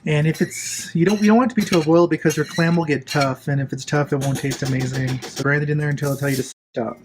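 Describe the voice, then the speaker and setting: A man's voice: a little high, fairly even intonation, fast, faint music behind, rough recording. A man hosting a casual cooking demonstration, giving laid-back, chatty instructions with joking asides. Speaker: cooking show host. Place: kitchen, at the stove and counter.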